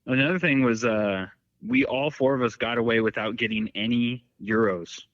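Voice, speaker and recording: This podcast guest speaks at a normal speed in a mid-range, fairly bright voice, chatting casually. His stories ramble and are full of fillers. The lo-fi recording sounds dull and dry.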